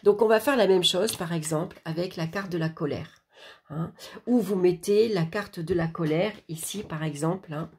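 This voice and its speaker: With a fairly low, darkish voice at normal speed, a woman from France casually walks through an oracle card reading. She's chatty but hesitant, addressing the viewer head-on with frequent fillers and false starts.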